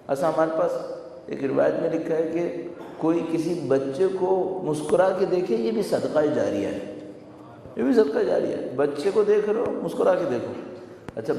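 A man's voice: on the high side, gravelly, mellow. A man giving a sermon in a conversational, storytelling way, repeating phrases for emphasis. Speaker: religious preacher. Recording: echoey hall with long reverb.

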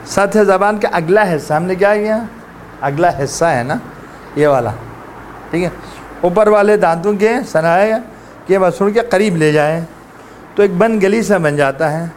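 A man's voice: high voice, long pauses, slight background noise. A man teaching Quran letter pronunciation in a classroom, drilling sounds aloud and coaxing students to repeat. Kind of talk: classroom tajweed lesson.

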